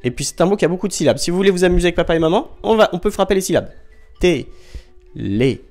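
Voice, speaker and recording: A man's voice: high-pitched, rapid-fire, a little mellow, faint music behind. A man teaching young children from home, patiently spelling out syllables and counting down with a small child nearby.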